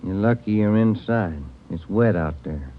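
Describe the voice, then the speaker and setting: An actor playing a loyal police detective's partner, wry and brisk, in 1950s radio crime drama style. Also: male voice, on the low side, a little hiss or hum, natural voice. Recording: muffled old radio recording, loud music.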